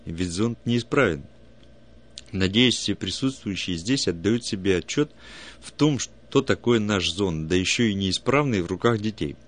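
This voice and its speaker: Worried, earnest alien biologist read by a man, low voice, storybook. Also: animated, a little slow. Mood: urgent. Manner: urgent, pointing things out.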